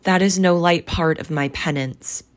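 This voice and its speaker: A mournful ghost of an old businessman drags his chains through a storybook reading, as a woman puts him on. He speaks in a raised, grieving voice that swells into solemn warnings. Each line is slow and heavy. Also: lowish voice, voice pushed up, lightly acted. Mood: urgent.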